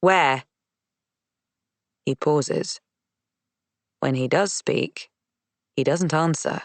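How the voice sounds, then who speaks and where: A man narrating a mystery audiobook in a measured, even reading. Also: fairly high pitch, vocal fry, no room sound. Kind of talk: scripted narration.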